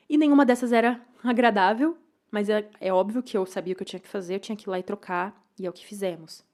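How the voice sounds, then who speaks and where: A woman's voice: medium pitch, a little mellow. A woman with a Brazilian Portuguese accent hosting a podcast, talking through her own week in a candid, confessional monologue. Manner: candid and confessional, with restarts and trailing asides. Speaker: podcast host. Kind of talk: personal reflective monologue.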